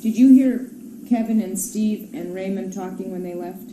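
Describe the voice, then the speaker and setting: Insistent interrogator in an echoey, noisy room. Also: female voice, mid-range voice, normal speed. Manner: insistent, repeats pointed questions. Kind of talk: formal interrogation questioning.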